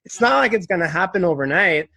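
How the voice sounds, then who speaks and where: A man's voice: high voice, expressive, quick pace, vocal fry, pushed and bright. A man in his twenties, a guest in a casual interview, talking candidly and reflectively, with lots of "like" and "right?". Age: 20s.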